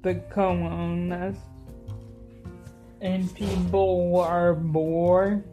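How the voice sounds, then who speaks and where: A woman's voice: on the low side, little pitch movement, drawn-out words, warm tone. A woman guest in a casual chat, answering briefly and plainly. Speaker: interview guest, the host's sister. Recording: music playing behind the voice. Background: plucked guitar music.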